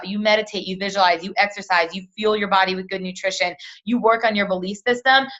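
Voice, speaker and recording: Casting: upbeat woman team leader, pep-talk energy, muffled lo-fi call audio. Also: mid-range voice. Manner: energetic, pep-talk delivery with repeated "right?" and "you guys".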